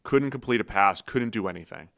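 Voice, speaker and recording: Man, low gravelly voice, lively pitch, quick banter, football podcast co-host. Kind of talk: casual sports podcast chat.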